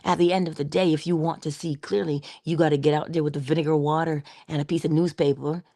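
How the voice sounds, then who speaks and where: Woman, motivational speaker, low gravelly voice, husky, slow rhetorical questions and whispered asides, close and dry. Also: steady tone, warm tone, no echo. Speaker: inspirational speaker. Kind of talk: reflective spoken meditation.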